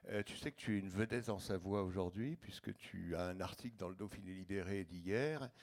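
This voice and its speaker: A man's voice: low voice, brisk, a little mellow. A man moderating a public talk, addressing the guest informally and reading him a quote. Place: theatre stage before an audience.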